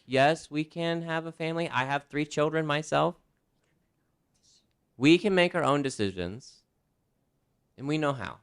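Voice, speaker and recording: A man working as a sign language interpreter, speaking a presenter's signed talk aloud in the first person, conversational and lively. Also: mid-range voice, clean tone.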